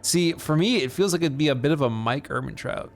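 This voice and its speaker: A man's voice: a little high, lively intonation, a little fast, creaky, faint music behind. A man streaming a game, chatting casually and swearing freely. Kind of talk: casual gameplay commentary.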